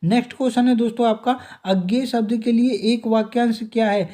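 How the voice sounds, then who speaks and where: Young male tutor, mellow warm tone, brisk quiz-style revision delivery. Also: extremely high pitch, fairly even intonation. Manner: calls the listener "दोस्तों" often, reads options then gives answer. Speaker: exam prep teacher.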